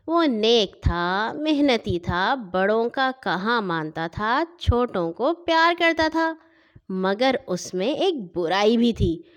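A woman narrating a children's story in an expressive storytelling manner. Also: on the high side. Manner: expressive, sing-song storytelling.

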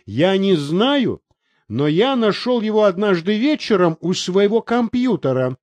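Brief: man playing a tired male writer, calm and unyielding, fairly high, lively voice, dry close mic. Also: measured pace, no room sound. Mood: firm. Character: weary adult male writer, calm and stubborn. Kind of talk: audiobook character reading.

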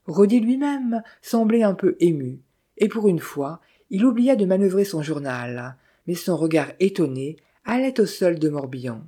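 A narrator reading a classic adventure novel aloud in a measured, steady way. The voice is dark and mellow, with a middling pitch. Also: slightly rough. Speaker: audiobook narrator. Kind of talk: scripted literary narration.

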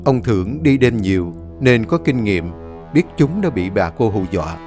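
A man narrating a ghost story in a lively, plain-spoken way. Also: lowish voice, normal speed, music in the background.

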